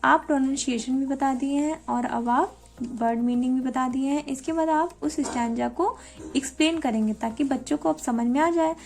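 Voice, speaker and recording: A young woman training to teach, walking viewers through a lesson plan in an explanatory tutorial style and reading quoted English lines slowly and deliberately. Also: high-pitched, gravelly, darkish tone. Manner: explanatory, addresses viewers directly. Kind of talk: spoken tutorial walkthrough.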